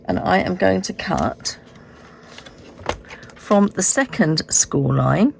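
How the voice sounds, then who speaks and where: Female tutorial host, hoarse and froggy after being ill, low register, casual unhurried delivery, faint room noise behind. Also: lively intonation. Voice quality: hoarse, croaky like a frog. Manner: unhurried, explaining step by step. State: croaky voice, recovering from illness. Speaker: host of a card-making tutorial. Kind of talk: casual craft demonstration. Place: indoors at a craft desk.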